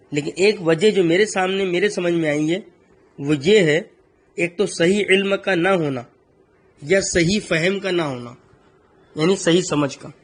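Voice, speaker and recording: A man with a high-pitched voice preaches a religious talk. He drives his points home with emphatic repetition. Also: fairly bright tone. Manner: emphatic, repeats phrases for stress.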